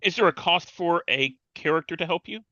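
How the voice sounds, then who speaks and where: A man's voice: fairly high pitch, brisk, sharp tone, no echo, muffled recording. A man playing a tabletop game online, curious and asking about the rules. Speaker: player. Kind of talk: tabletop roleplaying chat.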